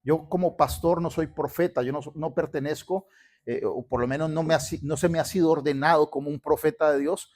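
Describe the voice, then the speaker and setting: A man's voice: on the high side, steady tone, a little fast, darkish tone. A man from Colombia, a pastor preaching fervently in church and calling on the congregation to repeat after him. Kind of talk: sermon with church announcements. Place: church sanctuary.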